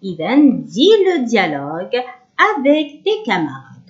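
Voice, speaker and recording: A woman teaching young children a French phonics lesson, drawing out sounds slowly. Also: medium pitch, huge pitch swings, highs cut off. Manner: slow, drawn-out pronunciation drills. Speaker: primary school teacher.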